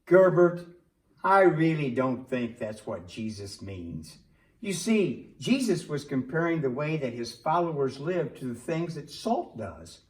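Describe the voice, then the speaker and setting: A man's voice: a little high, very animated, a little slow, pitched below the performer's own voice. A man voicing a cheerful male puppet friend in a church skit, patiently explaining and angling for chips. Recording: echoey room, distant mic.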